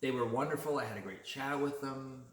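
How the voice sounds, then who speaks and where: A man vlogging, telling a story in a chatty, animated way. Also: medium pitch, a little fast, roomy sound. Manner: chatty, animated retelling with laughs. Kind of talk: casual storytelling.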